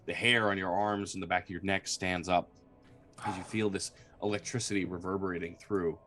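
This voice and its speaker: A man's voice: low-pitched, steady tone, brisk, bright, forceful tone, a little hiss or hum. A man acting as game master, improvising narration for a tabletop role-playing game.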